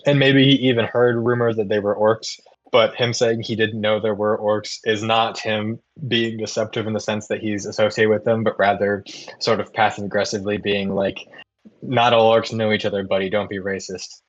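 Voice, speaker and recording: A man serving as dungeon master, explaining rules and narrating in a relaxed way with lots of ums and uhs. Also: on the low side, moderate pace, no room sound, dull audio. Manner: relaxed, with frequent "um" and "uh". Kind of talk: running a tabletop game.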